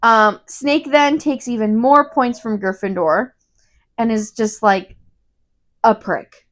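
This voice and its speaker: Woman, casual book chat, lots of "like", slightly high voice, lively retelling. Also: slow. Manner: animated retelling, heavy use of "like". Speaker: podcast co-host.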